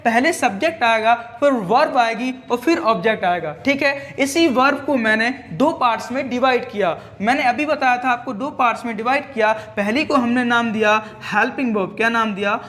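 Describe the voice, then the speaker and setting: A man's voice: extremely high pitch, moderate pace, few pauses, fairly bright tone. Man, teacher, classroom lecture, repeats himself, asks questions and answers them, mixes in English terms.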